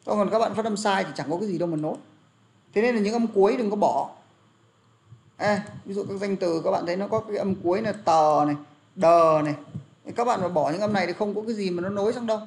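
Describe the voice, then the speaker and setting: A man's voice: high-pitched, fast talker, a little mellow. A young man teaching an English lesson, explaining pronunciation and drilling words aloud, with frequent fillers. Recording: faint background noise and clicks.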